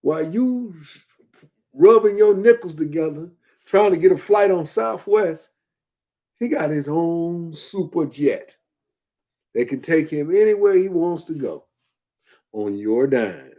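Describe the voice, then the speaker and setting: A man's voice: a little high, animated, takes it slowly, long pauses, dark tone. A man giving casual spoken commentary, emphatic and colloquial, repeating points for effect. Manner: colloquial, drops verbs and uses double negatives.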